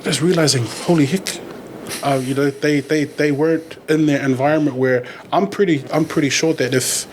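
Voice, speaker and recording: A man's voice: fairly high pitch, fairly even intonation, slight background noise. Reflective New man, candid and searching. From New Zealand. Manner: thoughtful, candid, slow to find words. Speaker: podcast guest, community worker. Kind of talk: reflective interview conversation.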